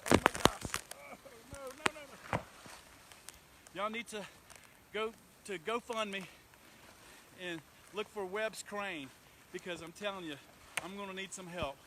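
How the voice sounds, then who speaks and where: With clicks, rumble, and storm noise all around, a man up a tree in the wind and rain talks live to his viewers. He's got a notably high voice and a Southern US accent, playing amateur weather reporter in a folksy, excitable manner.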